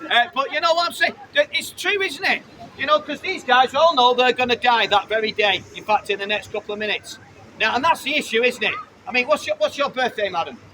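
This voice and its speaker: Traffic and crowd noise surround a British street preacher addressing passers-by on a busy urban street. His voice is very high-pitched and sharp, his delivery brisk. He preaches fervently, pressing people with repeated lines, riddles and rhetorical questions.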